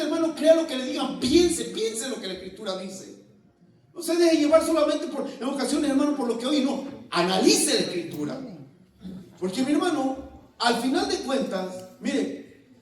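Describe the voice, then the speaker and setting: A male pastor preaching a lively sermon, shouting out quoted lines and laughing as he addresses his listeners. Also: very high voice. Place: church. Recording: very echoey church hall, heard from a distance.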